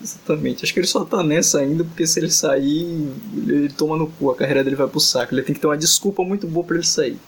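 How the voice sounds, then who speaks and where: A man's voice: a little high, fast, hardly any pauses, breathy edge. A man from Brazil co-hosting a casual podcast, joking, swearing freely and fumbling through foreign words. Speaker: podcast co-host. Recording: faint background noise.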